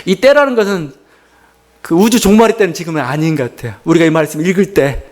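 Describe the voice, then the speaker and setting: A man's voice: a little high, quick pace. A man preaching a Sunday sermon as pastor, asking the congregation questions and slipping into paraphrased dialogue. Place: church service.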